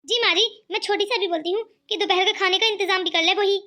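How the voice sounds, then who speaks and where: A woman's voice: very high-pitched, steady tone, fast, pushed and bright, full character voice. A woman voicing a sly, clever young married woman who makes mocking asides.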